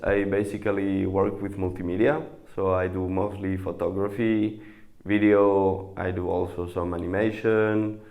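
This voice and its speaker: A man in his twenties from Spain, speaking English as a volunteer, talking to camera with many pauses and fillers. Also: deep voice, level tone, darkish tone. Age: 20s. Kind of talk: interview to camera.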